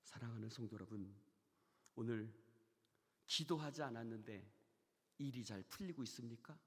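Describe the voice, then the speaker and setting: Husky-voiced pastor preaching in an echoing hall. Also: male voice, mid-range voice, normal speed. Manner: swings from hushed near-whispers to loud shouted peaks; asks the congregation questions and has them repeat phrases. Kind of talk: Wednesday service sermon. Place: church sanctuary.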